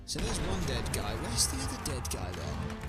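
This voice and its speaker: A man narrates his let's play, reasoning out loud and bursting into excitement. His pitch swings widely from low to high, and clear music plays under his voice. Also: normal speed. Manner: thinking aloud, excitable. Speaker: gaming streamer. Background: background music.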